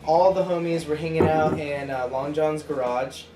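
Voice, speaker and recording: A man in a band recounting a story in a relaxed, slangy way, with his voice sitting a little high. The room is echoey, and music plays clearly behind him. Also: normal speed. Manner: animated, laid-back slang storytelling. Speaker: band member. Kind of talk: casual interview storytelling.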